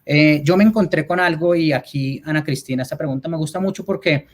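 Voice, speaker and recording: Fairly quick and somewhat high-pitched, a Colombian-accented man from Colombia answers audience questions in an online talk. He's an advertising executive speaking as a guest, explaining his points and often tagging on checks that he's understood.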